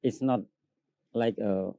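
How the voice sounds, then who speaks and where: A Cambodian opera tenor whose native language is Khmer answers interview questions in halting English, full of fillers and frequent laughter. His voice sits fairly low with vocal fry and a warm tone, captured in studio quality with no room sound.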